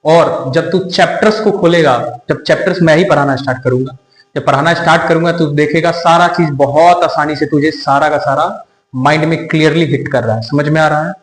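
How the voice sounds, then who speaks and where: A man's voice: fairly high pitch, steady tone, brisk, reverberant, low-quality recording. A young man teaching a casual lecture, acting out both sides of a teasing back-and-forth with his students. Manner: acts out student and teacher dialogue, informal and teasing.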